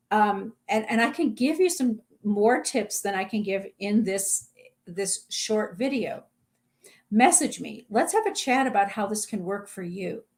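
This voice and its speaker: A middle-aged woman executive coach talking directly to other coaches in a short advice video, earnest and plain-spoken. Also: medium pitch. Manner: earnest, direct, conversational with small restarts.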